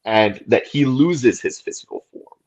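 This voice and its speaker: A man's voice: medium pitch, expressive, unhurried, a little mellow, breathy edge, lo-fi sound. A man on a podcast talking through ideas at length in casual discussion, often checking in with "right?". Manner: thoughtful, explains at length with frequent "right?". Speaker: podcast co-host.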